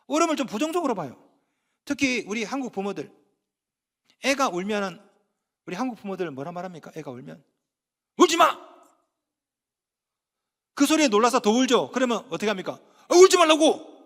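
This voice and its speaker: A man preaching a sermon as pastor in a church, lively and joking, acting out scolding voices. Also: very high-pitched. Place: church sanctuary. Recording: reverberant church hall.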